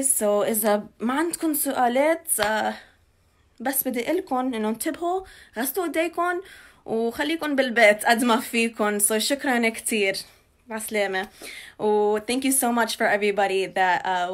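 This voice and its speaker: A woman in her twenties with a Levantine Arabic accent, giving an informal live news update into a phone held at arm's length indoors. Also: fairly high pitch. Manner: code-switches between Arabic and English. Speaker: local news reporter giving community updates. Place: small indoor room.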